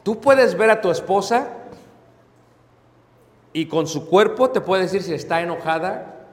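A man preaching a sermon on marriage to a congregation, acting out husband and wife exchanges with lively voices and asking the audience to agree. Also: high-pitched, unhurried. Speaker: pastor. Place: church hall. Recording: echoey hall with long reverb.

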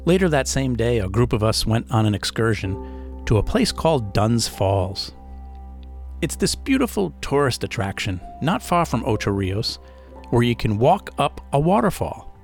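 A man's voice: medium pitch, very animated, normal speed, faint music behind. A man narrating a first-person story as a podcast host, in a casual, chatty way with asides to the listener.

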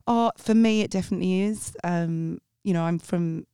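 Speaking at a normal speed with a fairly low, warm voice, this female jazz singer from England rambles through a relaxed interview, often starting over. Her accent mixes Sussex and Essex with a hint of Australian, and the studio recording is clean and dry.

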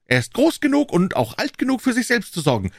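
A man voicing a quarrelsome, stingy old nobleman in an audiobook, with a whining yet sharp, insistent voice. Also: sits high, wildly swooping pitch, fairly quick, vocal fry, no room sound, studio quality, voice pushed up, exaggerated voice. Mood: indignant, stingy. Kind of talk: audiobook character voice.

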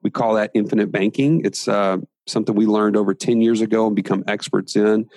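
A man with a lowish voice lays out steps in a podcast interview, methodical but sometimes lively. The sound is dry and close to the mic, with no room behind it. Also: a little fast, no room sound. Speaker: guest entrepreneur.

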